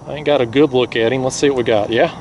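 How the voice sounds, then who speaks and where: An excited young man with a drawl chats in a folksy way as he reels in fish from his kayak. He is picked up by an action camera mounted on the boat, out on open water. Clear wind and water noise runs under his voice. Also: mid-range voice, quick pace. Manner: excited, laughs often, folksy. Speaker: fishing vlogger. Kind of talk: casual outdoor fishing commentary. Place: kayak on a river outdoors.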